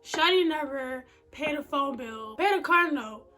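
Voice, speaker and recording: A young woman vlogging straight to camera, her voice high-pitched and bright. She talks bluntly and animatedly in heavy slang, swearing freely. Faint music plays behind her. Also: animated, unhurried. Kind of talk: casual storytime vlog.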